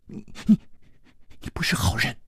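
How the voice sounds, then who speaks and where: A male storyteller voicing a shy, flustered young village woman in a breathy, half-whispered, coy tone. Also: normal speed, dry recording, clean studio sound, close to an everyday voice.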